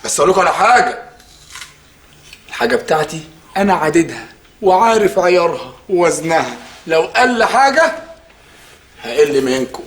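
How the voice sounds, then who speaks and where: A man's voice: a little high, big pitch swings, brisk, long pauses, reverberant, slight background noise. An actor playing an Egyptian man who talks in a blustering, threatening way about his gold. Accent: Egyptian Arabic. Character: greedy, demanding Egyptian gold owner.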